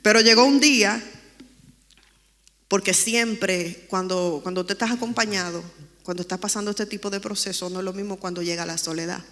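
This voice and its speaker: A woman recounts her personal testimony in a church sanctuary, speaking with earnest emotion. Her voice is bright and forward, and the room gives it a long, ringing reverb. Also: medium pitch, fairly even intonation, moderate pace. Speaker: church member giving testimony.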